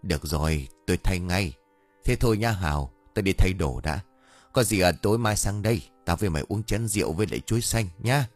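A sly, grumpy old exorcist from a spoken ghost story, done by a man. His voice sits low and swings widely as he grumbles, scolds and curses under his breath. The read is dry and close, with faint music underneath. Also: animated, a little fast, no room sound. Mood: gruff grumbling. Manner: gruff, scolding, mutters curses.

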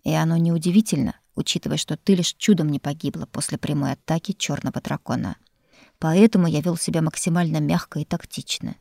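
A woman voicing a teasing, self-assured young male lord and teacher, speaking in an unhurried, mocking way. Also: sits low, vocal fry, dark tone, husky, no room sound, clean studio sound, full character voice.

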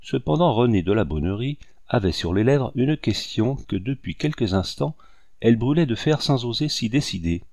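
A man narrating a classic novel as an audiobook, measured and even. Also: mid-range voice, no echo.

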